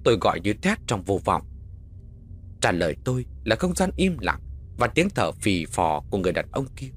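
A man narrating a horror story in the first person with dramatic, expressive delivery. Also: lowish voice, moderate pace, husky, faint music behind.

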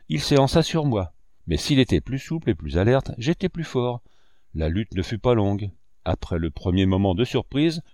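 Low-voiced male audiobook narrator. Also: dark tone, dry recording, studio quality. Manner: measured storytelling.

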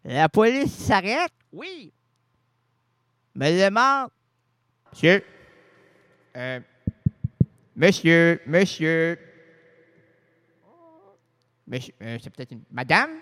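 A man's voice: a little high, very animated, extremely slow, pauses often, fairly bright tone, full character voice. A man with a Quebec French accent voicing a bumbling, rambling small-town police officer in a comedic radio sketch, stumbling over words and mangling names.

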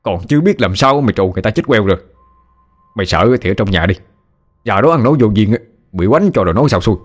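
A man's voice: fairly low pitch, expressive. A man voicing an exasperated village father who scolds his son, in a read-aloud ghost story. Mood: scolding. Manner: scolding, brisk.

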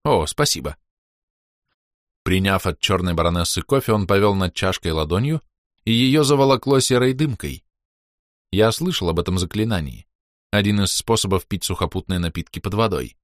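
A man's voice: low-pitched, brisk, no echo, studio quality. A man narrating a fantasy audiobook expressively, acting out the dialogue.

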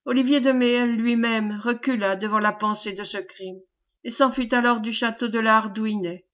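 Brief: woman voicing a humble, fervent peasant man recounting a tragedy, higher pitch, dull lo-fi recording. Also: fairly even intonation, moderate pace, natural voice.

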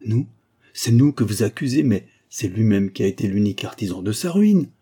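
A man's voice: fairly low pitch, big pitch swings, brisk, dark tone, breathy edge. A man voicing a frightened young man who protests and pleads while threatened. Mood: protesting.

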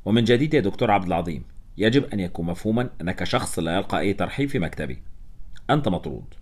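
Man voicing a cold project boss, firm and curt, deep low voice, quick delivery, audiobook reading. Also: sing-song. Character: stern middle-aged male project director, cold.

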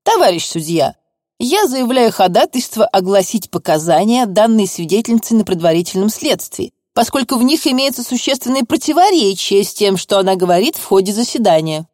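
A woman's voice: mid-range voice, very animated, fairly quick, a little mellow, no room sound, studio quality. A woman voicing a showy male lawyer who speaks in a formal, officious manner. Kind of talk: audiobook reading.

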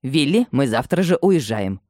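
A woman voicing an imperious, domineering aristocratic mother who scolds in a shrill, commanding tone. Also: big pitch swings, normal speed, darkish tone, no room sound, clean studio sound.

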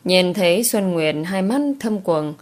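A woman narrating a romance novel as an audiobook in an even storytelling manner. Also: fairly low pitch, measured pace.

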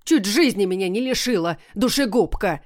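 A woman's voice: animated, moderate pace, a little mellow, dry recording, studio quality, lightly acted. A woman voicing a rude, grumpy male talking cat that screeches and snaps in an audiobook. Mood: indignant screech. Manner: shrill, screeching and snappish. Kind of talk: audiobook character voice.

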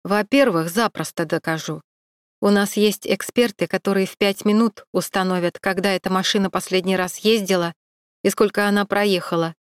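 A woman's voice: medium pitch, steady tone, normal speed, clean tone, dry recording, clean studio sound, natural voice. Stern police captain, as a woman reads him. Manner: cold, pressing, ironic. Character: stern middle-aged male police captain.

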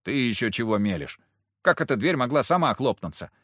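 A man's voice: medium pitch, very animated, a little fast, a bit bright, no echo, studio quality. A man doing a bossy street-gang boy leader. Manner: blunt, rough street talk.

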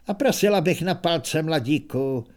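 Narrator putting on a composed old granny warrior, gentle and polite, voice lifted a bit higher and brighter. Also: male voice, natural voice. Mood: cheerfully polite. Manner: polite, calmly matter-of-fact. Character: calm, tough old woman knitter, unflappable.

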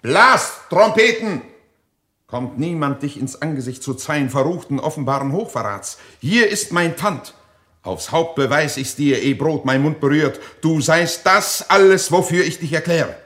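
A man's voice: medium pitch, moderate pace, a bit bright, natural voice. A man playing a stern, authoritative duke and war leader in a classic theatrical radio play. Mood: commanding, accusing.

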